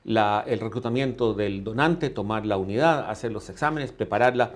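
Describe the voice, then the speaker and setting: Chile-born guy explaining ambulance stuff in an interview, calm, says eh a lot. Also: on the low side, moderate pace. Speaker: emergency management expert. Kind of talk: interview answers.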